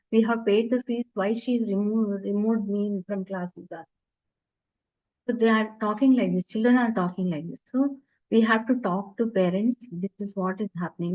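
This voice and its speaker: A woman's voice: medium pitch, dull audio. A woman teacher trainer answering questions in an online session, earnest and advice-giving with many hesitations, heard over a video call. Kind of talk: online webinar Q&A.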